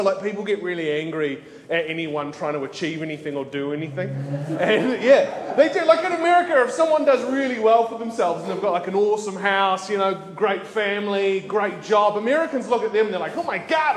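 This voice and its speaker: A man's voice: sits high, brisk. A man in his thirties from New Zealand with a New Zealand accent, doing a self-deprecating stand-up set on a comedy club stage into a handheld mic. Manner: self-deprecating, animated banter with the crowd. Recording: echoey club with crowd noise.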